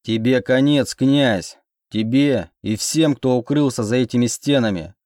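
A man's voice: medium pitch, unhurried, darkish tone, no echo, clean studio sound, close to an everyday voice. A man voicing a menacing warlord in a bear mask who bellows threats at a city.

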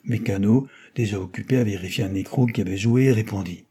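A man narrating a novel in an audiobook, in a measured, even storytelling manner. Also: on the low side, breathy edge. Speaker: audiobook reader.

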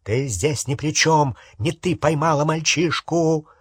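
A male audiobook reader voicing a proud aristocratic male wizard who speaks loudly and insistently. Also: a little high, measured pace, husky, no room sound, clean studio sound.

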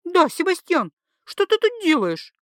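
A woman's voice: very animated, measured pace, no room sound, studio quality, heavily acted. A woman voicing an indignant young wife who screeches back at her jealous husband. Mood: alarmed. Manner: shrill, indignant, high-pitched. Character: shrill, furious young wife.

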